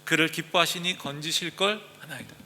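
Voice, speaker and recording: Bright-voiced pastor preaching in a reverberant hall. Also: male voice, on the high side, fairly quick, slight background noise. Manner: earnest, reads scripture aloud and explains it. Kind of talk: sermon. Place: church.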